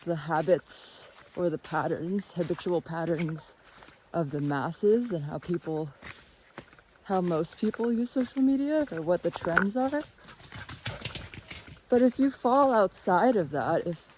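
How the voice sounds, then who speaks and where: Someone musing aloud in a halting, casual way while walking through the jungle with a phone on a selfie stick. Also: medium pitch, a little mellow, poor audio. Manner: unhurried, musing, halting delivery. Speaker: vlogger. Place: outdoors in the jungle by a river. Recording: outdoor phone audio with faint natural noise.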